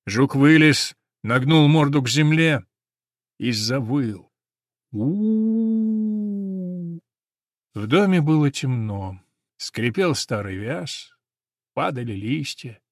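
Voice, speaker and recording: A man narrating a storybook in a calm, mournful way. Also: medium pitch, slow pace, no echo, clean studio sound. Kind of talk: storybook reading.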